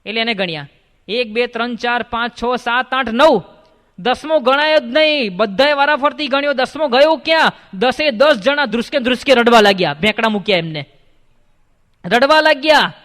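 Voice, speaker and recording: Man preaching and telling a parable, high voice, hall reverb. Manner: animated storyteller, acts out the characters. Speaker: swami giving a religious discourse. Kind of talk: sermon with storytelling.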